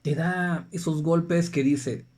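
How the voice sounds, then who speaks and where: A man's voice: a little high, steady tone, takes it slowly, a little mellow. A man gives an informal health talk to his viewers. He keeps checking in with "right?" and often repeats and restarts his phrases as he explains. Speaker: natural health presenter.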